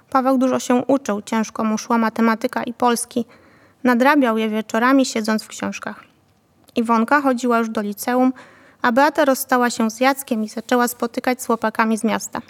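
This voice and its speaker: A woman narrating a novel in a calm, even storytelling manner. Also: on the high side, long reverb tail. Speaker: audiobook narrator.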